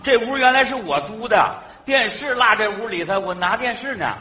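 A man with a Northeastern Chinese accent playing a forgetful, good-natured man who goes back to his old rented flat for his TV, in an exclaiming, lively comic stage style. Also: sits high, moderate pace, slight background noise. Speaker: sketch comedy actor. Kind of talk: stage comedy sketch.

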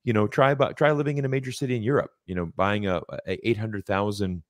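An American man in his forties speaks in a lowish voice, pressing his points with emphatic repetition and frequent restarts. The recording is close and dry, with no room sound. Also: fairly even intonation, fast, no room sound. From United States. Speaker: guest commentator. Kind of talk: casual interview talk.

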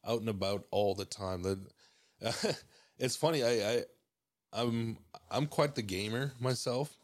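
A man from Mexico, a podcast guest, talking in a relaxed, rambling way with lots of fillers and restarts. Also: mid-range voice, no echo. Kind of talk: casual podcast chat.

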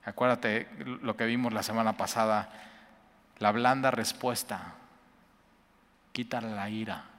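A man's voice: lowish voice, steady tone, a little slow, pauses often, fairly bright tone. Man, earnest sermon, repeats words, long hall reverb. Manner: earnest, repeats words, rises when stressing a point. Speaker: pastor.

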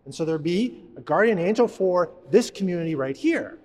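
Conversational priest in a reverberant church. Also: male voice, high voice, expressive, moderate pace, darkish tone. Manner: conversational, asks the congregation questions. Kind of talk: sermon.

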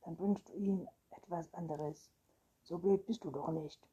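A woman reading aloud, voicing a big, gruff boy vampire with a croaking voice. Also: on the low side, flat delivery, measured pace, mellow, muffled recording. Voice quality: croaking, thundering.

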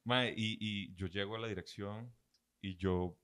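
Low-voiced Costa Rican man telling a story. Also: measured pace. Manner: rambling, animated, swears often, says "¿verdad?" often. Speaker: podcast host. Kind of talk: casual storytelling.

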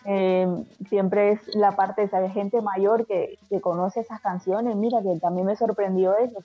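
A woman from Colombia, a guest in a casual interview, chatting easily with frequent restarts. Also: medium pitch. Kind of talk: casual conversation. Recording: dull lo-fi sound with faint music.

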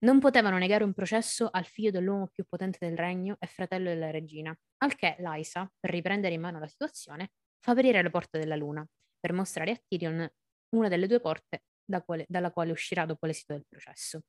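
A woman's voice: fairly low pitch, fairly quick, no room sound, clean studio sound. A woman hosting a podcast, chatting about a novel and reading passages aloud, laughing often. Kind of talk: casual book-club chat with read-aloud passages.

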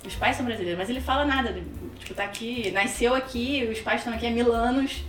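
A Brazilian woman in her thirties with a Brazilian Portuguese accent, a podcast guest telling stories in a casual, slangy, animated way and acting out the dialogue. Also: fairly high pitch, fast. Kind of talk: casual storytelling chat. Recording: roomy, distant mic, faint music.

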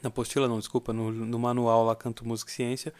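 A man's voice: medium pitch, flat delivery, fast, darkish tone, clean tone. A young Brazilian man giving a casual singing lesson, explaining and singing short demo phrases. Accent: Brazilian Portuguese. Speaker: singing teacher.

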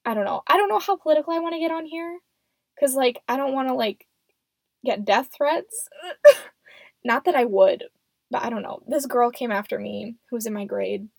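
The host of this casual solo podcast is a seventeen-year-old young woman, speaking off the cuff in a rambling, self-deprecating style. Her high-pitched, creaky voice has lively intonation and a moderate pace, recorded close and muffled on a microphone in a small home closet with no room sound.

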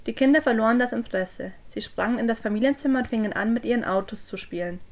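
A woman narrating a creepy first-person story for a podcast, dropping low and quiet on the eerie moments. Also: fast. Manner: drops low and quiet on eerie lines, raises voice for called-out quotes. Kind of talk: scripted horror story narration.

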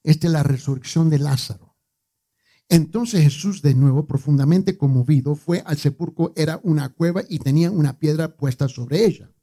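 A man's voice: on the high side, moderate pace, mellow. A male preacher giving a conversational sermon, repeating words for emphasis and joking with his congregation.

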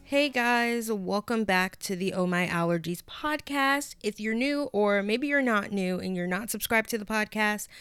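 A woman's voice: medium pitch, lively intonation, measured pace, hardly any pauses, fairly bright tone. A woman hosting a podcast in a casual, chatty, informal way, speaking with a lisp. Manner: informal, peppered with "like" and "you guys". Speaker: podcast host.

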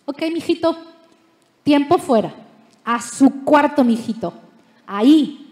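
A woman's voice: sits high, lively intonation, takes it slowly, a little mellow, echoey room. A woman voicing God as a patient father scolding a child, firm and coaxing.

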